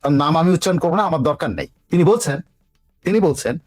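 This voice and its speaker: A man's voice: on the high side, very fast, no echo. A man giving political commentary on a talk show, insistent, hammering key words through repetition and mixing in English words. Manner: mixes English words into speech.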